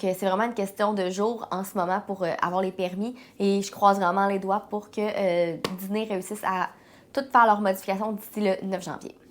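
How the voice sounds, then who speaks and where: A woman with a Quebec French accent hosting a casual news vlog, sounding nasal and stuffed up with a head cold, speaking informally and hesitantly. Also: medium pitch. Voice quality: nasal, congested. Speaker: host of a weekly theme park news vlog. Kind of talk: casual news update to viewers.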